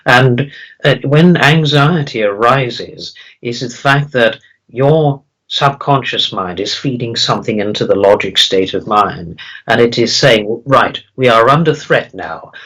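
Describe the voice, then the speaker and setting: A man speaking as a calm spirit guide in a seance medium's channeling session, teaching solemnly in halting, repeated phrases. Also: mid-range voice, natural voice, rough recording. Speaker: trance channeler answering questions as a spirit guide.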